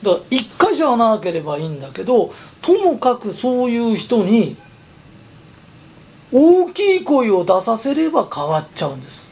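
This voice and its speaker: A man's voice: very high voice, huge pitch swings, normal speed, darkish tone, slightly rough. A man who runs a company, giving a chatty, emphatic motivational talk. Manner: chatty, emphatic, persuasive storytelling. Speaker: company president.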